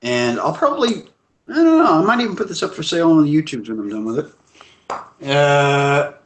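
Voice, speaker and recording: A man's voice: fairly high pitch, lively intonation, moderate pace, reverberant. A man hosting a casual live stream from home, joking and rambling as he shows things to his viewers. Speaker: host.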